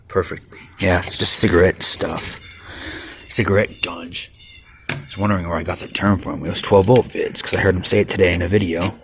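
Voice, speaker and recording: Low gravelly young man rambling outdoors. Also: noisy background. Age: 20s. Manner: offhand, mumbling asides, swears casually. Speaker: vlogger. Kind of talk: casual rambling commentary while working. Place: outdoors in a backyard under a roof.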